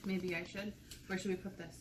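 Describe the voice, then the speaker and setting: Her delivery is flat and brisk, her voice fairly low: a mother in her thirties doing a candy review with her child at a home table. She casually explains things and asks the child simple questions. The phone-camera recording indoors picks up room echo and noise.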